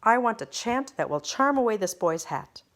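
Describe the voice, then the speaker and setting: A woman's voice: fairly high pitch, very animated, moderate pace, a bit bright, pitched above the performer's own voice. A woman voicing an impatient, bossy king who blusters and gives orders. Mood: puzzled. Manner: blustering, commanding.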